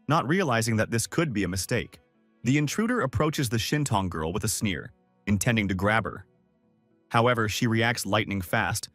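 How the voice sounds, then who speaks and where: Lively male recap narrator. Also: mid-range voice, no room sound. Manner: steady storytelling read, summarizing comic panels. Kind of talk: scripted narration.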